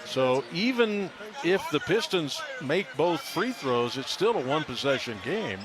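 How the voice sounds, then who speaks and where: Calling a basketball game live on the radio, a man emphatically announces the plays and scores in a fairly high voice with big pitch swings, taking an unhurried pace. The noisy broadcast from a large indoor arena is filled with loud crowd noise and the sound of a bouncing ball.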